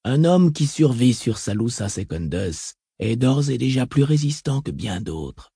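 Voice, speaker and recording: A man voicing a calm, calculating mentat advisor in an audiobook, soft-spoken and reasoned. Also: medium pitch, unhurried, creaky, breathy edge, dry recording, studio quality, full character voice. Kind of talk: audiobook reading.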